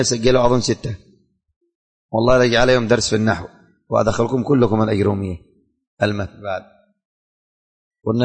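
Man teaching in a reverberant hall. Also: mid-range voice. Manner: quizzes students by name, repeats questions. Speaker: religion teacher. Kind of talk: classroom lesson with questioning. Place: classroom.

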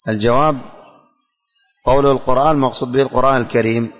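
A male religious teacher leads a classroom lesson, reading out each line slowly so students can write it down and asking them questions again and again. His voice stays even, with little rise and fall, and it rings out with a long reverb as if in a large hall. Faint music sits underneath. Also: mid-range voice. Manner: slow and deliberate, repeating lines for students to write down; quizzes students with repeated questions. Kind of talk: classroom lesson dictating and explaining verses.

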